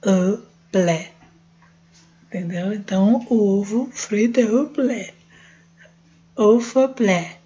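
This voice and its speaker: Brazilian woman, language teacher, husky warm voice, dull lo-fi recording. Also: mid-range voice. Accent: Brazilian Portuguese. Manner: slow, spells out letters and sounds. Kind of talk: casual French lesson.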